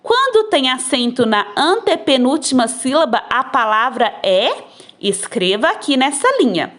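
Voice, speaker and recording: A woman teacher talks children through their exercises at an unhurried, careful pace. Her voice sits high and moves widely up and down as she stresses each point. It sounds like a phone recording. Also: big pitch swings, a bit bright. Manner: slow, patient, drawn-out explaining to children. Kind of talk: recorded lesson explaining textbook exercises.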